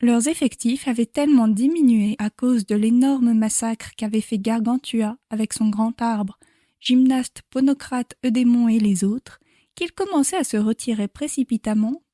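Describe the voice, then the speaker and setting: A woman reading a classic novel chapter as an audiobook narrator in a measured, clear way. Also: fairly high pitch, mellow, no room sound, clean studio sound.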